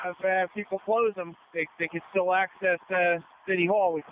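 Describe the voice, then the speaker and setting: A police officer, a man with a fairly high voice, reports over the radio. He is matter-of-fact and halting. The signal is thin and narrow with some light noise behind it. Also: flat delivery. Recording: thin noisy police radio, faint hiss.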